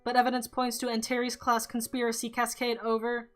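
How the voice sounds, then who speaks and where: Robotic voice, woman playing a paranoid teen boy, clipped radio-style phrases, fairly high. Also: monotone, fairly quick, faint music behind. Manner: terse, clipped, ends each turn with "over". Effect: put-on robotic voice. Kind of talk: reading a story game aloud.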